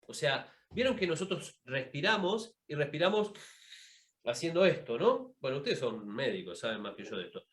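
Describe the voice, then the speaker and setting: A man's voice: a little high, big pitch swings, normal speed, fairly bright tone, slightly rough. A man teaching an online public speaking class, explaining breathing and demonstrating vowel exercises over a video call. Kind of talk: online masterclass with vocal demonstrations.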